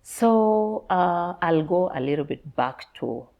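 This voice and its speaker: A Kenyan woman in her thirties with a low, grounded voice tells her own story as an interview guest. She is candid and laughs easily. She drifts in and out of Swahili slang as she talks. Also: expressive, takes it slowly, gravelly, muffled recording.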